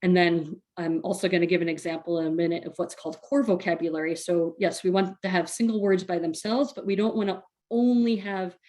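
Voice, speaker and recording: A woman speech therapist presents a recorded webinar for parents. She talks in a casual, chatty way, full of fillers and quick little laughs. Her voice sits a bit low. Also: steady tone, darkish tone.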